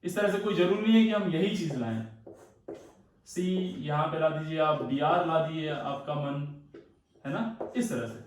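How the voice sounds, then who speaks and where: A man with a rather high voice teaching chemistry, his words echoing loudly in the room. He mixes Hindi and English and fondly calls students "beta". He asks a question and then answers it himself, and he speaks from some distance from the mic. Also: normal speed. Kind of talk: classroom lecture.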